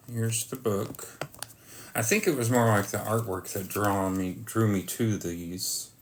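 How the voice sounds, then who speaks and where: A live stream host chatting casually while showing off items, halting and often breaking off to greet viewers, with some noise and clicking. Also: mid-range voice. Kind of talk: casual live stream chat while unboxing oracle cards.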